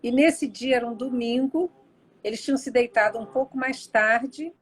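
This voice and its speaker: A woman's voice: a little high, moderate pace, a little hiss or hum, low-quality recording. An older woman with a Brazilian accent, telling a family story in a casual testimony and acting out the quoted dialogue. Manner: warm storyteller who acts out quoted dialogue. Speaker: guest, mother recounting her son's life.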